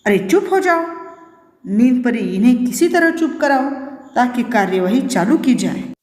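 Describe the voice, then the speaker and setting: A woman's voice: a little high, animated, measured pace, a little mellow. A woman teacher voicing a stern female night queen who judges and scolds children in a storybook reading. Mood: scolding. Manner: scolding, commanding.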